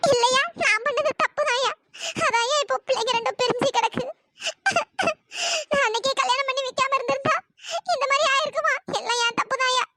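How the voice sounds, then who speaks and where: A performer voicing a gentle, remorseful old grandmother in a cartoon, speaking softly and tearfully. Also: extremely high pitch, fairly quick, noisy background. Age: older. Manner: soft-spoken, tearful.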